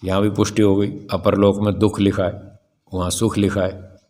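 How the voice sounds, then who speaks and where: An older man giving a spiritual discourse, emphatic and rhetorical, slowing down to stress key phrases. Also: lowish voice, level tone, darkish tone. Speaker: spiritual teacher. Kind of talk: spiritual discourse answering questions.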